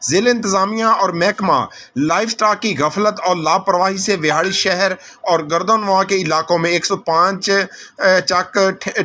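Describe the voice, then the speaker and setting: A male field reporter with a Pakistani accent delivers a news report. His voice is high and sharply bright, and he occasionally trips over words.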